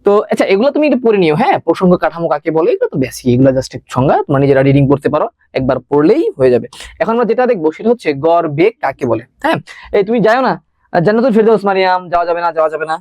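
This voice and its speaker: A young man teaching a live online science class, talking fast and chatty and mixing in English words. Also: high voice, sing-song, darkish tone, dry recording.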